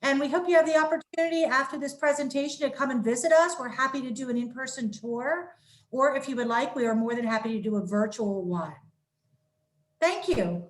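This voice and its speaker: A woman's voice: high-pitched, a little fast, rough recording. A woman giving a promotional presentation on a video call as a marketing director for senior living.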